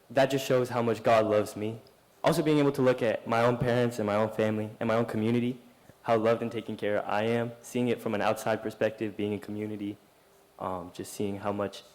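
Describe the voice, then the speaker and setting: A young man speaks to the congregation about what he learned, hesitant and filling pauses with ums and likes. His pitch is middle. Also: a little mellow, low-quality recording. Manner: hesitant, many fillers. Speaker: church member giving testimony. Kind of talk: short personal testimony.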